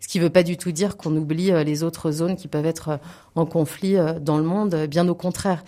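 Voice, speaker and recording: With a deep, mellow, steady voice at normal speed, this woman talks as a theatre guest in an unplanned radio interview. She's emphatic and sincere, though she frequently gropes for the right word.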